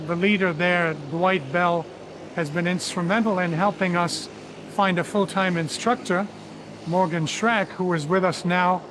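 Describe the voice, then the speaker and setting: An older man from Tanzania, a pilot and ministry founder, giving a measured, earnest testimony with occasional fillers. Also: sits high, a bit bright, slight background noise. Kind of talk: testimony interview.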